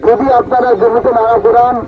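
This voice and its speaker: A man, a police announcer, reads a formal public warning over a loudspeaker PA system, repeating it in a steady, formal way. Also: very high-pitched, quick pace. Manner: formal, repetitive, monotone. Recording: tinny loudspeaker with faint noise.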